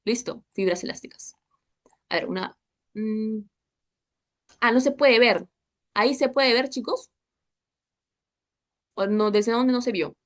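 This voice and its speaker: A woman's voice: a little high, slow pace, long pauses. A young woman tutoring a histology class online, chatty and checking in with her students all the time. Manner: chatty, checks in with constant "¿ok?" and "¿listo?".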